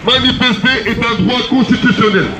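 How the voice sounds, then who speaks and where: A man's voice: very high-pitched, normal speed, a loud crowd. A man from France, an activist giving an impassioned outdoor speech at a protest, insistently repeating each key phrase. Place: outdoors on a city street. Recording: echoey street with loud background noise.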